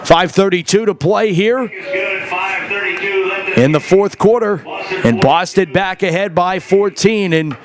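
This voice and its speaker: A man doing conversational play-by-play sports commentary. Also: a little high. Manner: conversational play-by-play, quick calls.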